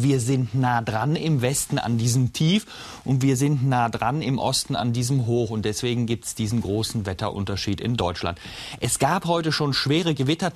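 A man delivers a television weather forecast, talking through the map in a lively, conversational manner. He explains fronts and temperatures as if chatting with the viewer. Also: medium pitch. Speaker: weather presenter.

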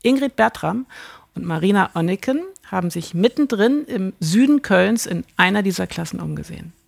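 A woman introducing a report in a deliberate, emphatic way. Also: medium pitch, animated, creaky, slightly rough, no echo. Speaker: presenter. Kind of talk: program introduction.

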